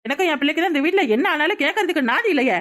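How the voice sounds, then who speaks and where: A defiant, quarrelsome cartoon aunt, acted by a woman, firing off retorts fast in a very high, bright voice. She argues without letting up. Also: expressive. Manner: argumentative, shrill scolding. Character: quarrelsome defiant young aunt in a joint family.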